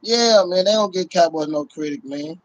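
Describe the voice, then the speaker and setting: Speaking at a moderate pace in a high-pitched voice, this middle-aged man chats loosely on his sports livestream, swearing, using slang and returning to the same catchphrases. He's a Cowboys fan broadcasting from a small room indoors. A nearby phone captures him with lo-fi sound.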